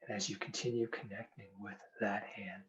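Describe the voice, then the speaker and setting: Low-voiced man guiding a hypnosis session. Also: flat delivery, dull audio, slight background noise. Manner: soothing, unhurried, gently instructing. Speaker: hypnotherapist demonstrating a hand induction. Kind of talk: guided hypnosis and explanatory talk.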